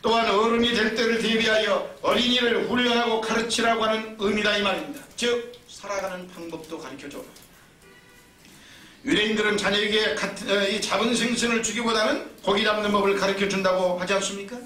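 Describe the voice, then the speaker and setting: A male pastor preaching a sermon in a lively, emphatic storytelling manner. His voice sits high and sounds bright and forceful. It carries through a roomy church from a mic set some way off. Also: fairly quick. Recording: roomy, distant mic, faint noise.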